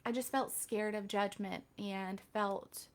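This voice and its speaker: A woman's voice: mid-range voice, steady tone, takes it slowly, slight background noise. A woman hosting a casual live Q&A stream, talking candidly with chatty, self-deprecating asides. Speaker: reiki healer hosting a live Q&A.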